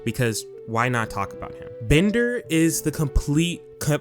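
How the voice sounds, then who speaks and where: Chatty man hosting a video essay. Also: medium pitch. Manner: chatty, jokey and self-aware. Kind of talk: casual commentary video.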